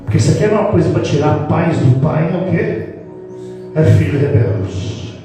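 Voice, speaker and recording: A man's voice: on the high side, fast. A man preaching a playful church sermon, teasing the congregation as he talks. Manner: playful, teasing the congregation, acts out family scenes. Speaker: pastor. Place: church hall. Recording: roomy hall reverb from a distant mic, music behind.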